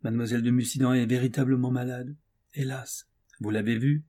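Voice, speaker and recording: A man reading an audiobook and voicing a composed aristocratic gentleman who speaks gravely and calmly. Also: medium pitch, natural voice. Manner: grave and measured.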